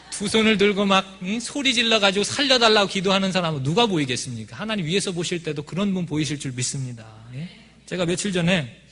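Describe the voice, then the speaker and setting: Husky-voiced male pastor preaching. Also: a little high, fairly bright tone. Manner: emphatic preaching, asks congregation for response. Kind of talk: sermon.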